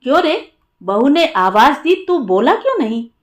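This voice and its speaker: A woman voicing a stern, old-fashioned village mother-in-law who scolds in rustic speech, with a slow, higher voice. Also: big pitch swings. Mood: bossy. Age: older.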